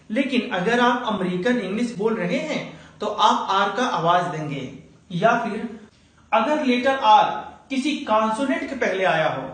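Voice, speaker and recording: Male teacher, high-pitched, patient explainer, heavy echo. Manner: addresses viewers as friends, steady explaining. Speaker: English teacher. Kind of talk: explanatory video lesson. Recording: very echoey room.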